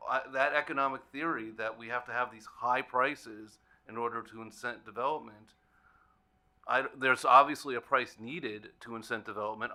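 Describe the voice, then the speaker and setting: A man's voice: medium pitch, bright, forceful tone. A man, speaking as a consumer advocate on a panel in an earnest, plainspoken way. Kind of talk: panel discussion remarks.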